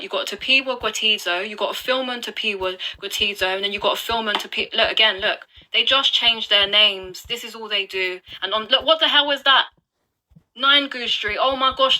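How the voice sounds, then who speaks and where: Woman ranting on her vlog, kinda high pitched, upset and pushy. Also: pushed and bright, a little hiss or hum. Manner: upset, urgent and emphatic, swears. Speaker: video blogger. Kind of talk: live commentary on online records.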